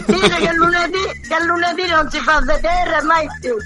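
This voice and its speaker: A woman's voice: extremely high pitch, normal speed, loud music behind the voice. A woman with a Tuscan accent talking on speakerphone during a phone call, emphatic and protesting. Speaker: prank call target. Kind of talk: phone conversation.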